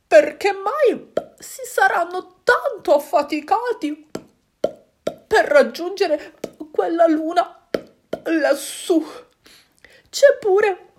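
A woman voicing a small fish in a children's story, puzzled and slow in its wondering. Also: extremely high pitch, a little mellow, voice pushed up, full character voice. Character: dreamy little fish in a pond.

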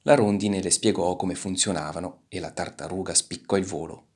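A man reading a children's storybook aloud with animated, expressive delivery. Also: deep voice, moderate pace, slightly rough. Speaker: narrator.

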